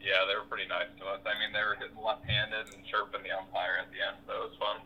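A man's voice: fairly low pitch, level tone, quick pace, muffled recording, slight background noise. A man calling in by phone, heard on speakerphone, chatting casually and matter-of-factly with friends. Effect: heard over a phone on speakerphone. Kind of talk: casual chat.

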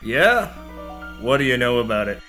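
A man playing a hard-boiled male space detective, narrating in a gruff noir style. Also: medium pitch, sing-song, normal speed, pushed and bright, soft background music. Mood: cocky. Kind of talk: radio-drama parody.

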